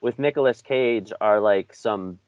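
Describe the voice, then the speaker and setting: A man's voice: fairly low pitch, unhurried, darkish tone, smooth, no echo. A man co-hosting a movie podcast, easygoing and full of "you know" and "like" fillers. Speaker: podcast co-host. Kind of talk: casual movie chat. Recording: dry, dull lo-fi mic.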